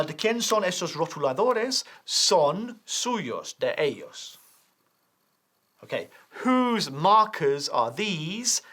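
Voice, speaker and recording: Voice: mid-range voice, fairly bright tone. A teacher giving a bilingual English lesson, patiently modeling pronunciation and repeating short drills.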